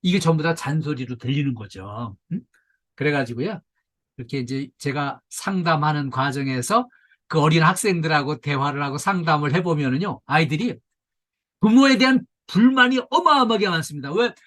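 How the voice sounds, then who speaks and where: An older man giving a workplace safety lecture to staff, lively and coaxing, now and then mimicking nagging voices and leading the room through stretches. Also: a little high, moderate pace. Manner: leads audience through stretches. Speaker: safety instructor.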